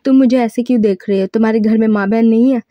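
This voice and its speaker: A woman voicing a feisty young businesswoman who snaps back in sharp, argumentative retorts. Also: a little high, fairly even intonation, fast talker, no room sound, muffled recording, natural voice.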